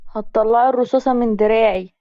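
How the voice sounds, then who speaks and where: A woman's voice: on the high side, fast talker, dark tone, no room sound, dull audio, natural voice. A woman with an Egyptian accent voicing a wounded man on the run who pleads urgently for help. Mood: urgent pleading. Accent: Egyptian Arabic.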